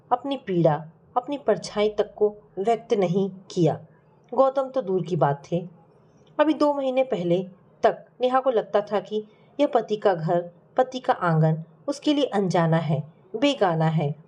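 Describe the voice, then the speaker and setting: A woman storyteller reading a family story aloud in a steady, expressive narration. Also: medium pitch.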